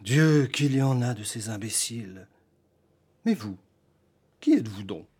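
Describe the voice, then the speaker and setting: An actor playing a flustered, jealous middle-aged husband in a fur coat, agitated and stammering in a radio drama. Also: male voice, medium pitch, animated, a little slow, darkish tone, husky. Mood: indignant.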